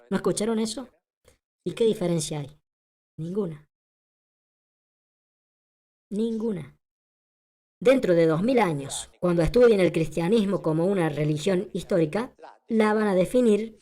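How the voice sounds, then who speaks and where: A woman's voice: on the low side, dark tone. Woman in an emphatic lecture voice-over. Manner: emphatic and rhetorical, repeats points and asks the audience questions.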